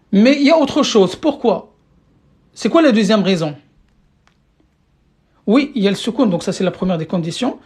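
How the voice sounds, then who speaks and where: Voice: medium pitch, darkish tone, breathy edge. Patient language teacher on a live stream, keeps checking in with questions, talks into a phone or computer mic. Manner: keeps asking the class questions and checking understanding; repeats words while searching for phrasing. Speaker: Arabic teacher. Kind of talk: live online lesson.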